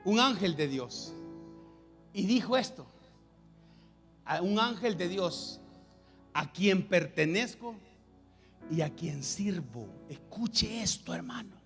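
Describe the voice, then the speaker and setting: A man preaching a sermon as pastor, repeating phrases and swinging between loud calls and hushed lines. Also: high-pitched, lively intonation, slow, pauses often, soft background music.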